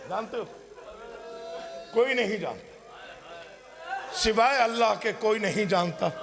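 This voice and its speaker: High, gravelly-voiced man chanting a sermon. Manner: sung, wailing recitation rising to shouts. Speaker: zakir reciting at a mourning gathering. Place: mourning assembly, speaking from a pulpit.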